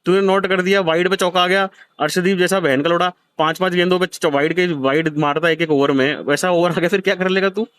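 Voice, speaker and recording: Guy in his 30s chewing someone out, swears a lot, kinda high smooth voice, dry close mic. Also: steady tone, a little fast, hardly any pauses, a bit bright. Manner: scolding, blunt and profane. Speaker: host counseling a gambler. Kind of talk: harsh heart-to-heart lecture.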